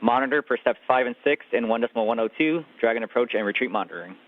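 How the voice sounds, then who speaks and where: Fast-talking ground controller man, dry tinny space radio that breaks up, procedural calls. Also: mid-range voice, no echo. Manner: brisk procedural phrasing. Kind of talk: radio call-outs.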